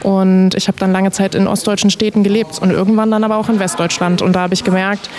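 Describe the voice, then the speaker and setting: Workshop leader from northern Germany, calm and explanatory, mid pitch. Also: female voice, fast talker. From Rostock, Germany. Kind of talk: interview statement.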